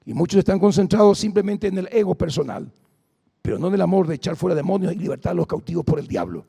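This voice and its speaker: Brief: male pastor, high gravelly voice, long hall reverb. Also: big pitch swings, quick pace, dark tone. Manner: fervent, exhorting, calls to the congregation. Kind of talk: Pentecostal deliverance sermon.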